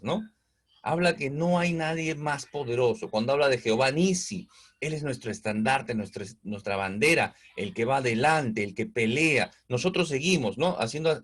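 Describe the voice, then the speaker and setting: A man with a Peruvian Spanish accent giving a Bible teaching as a preacher, explaining slowly, stopping often on fillers and checking in with "¿no?" and "¿ya?". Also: mid-range voice, fairly bright tone.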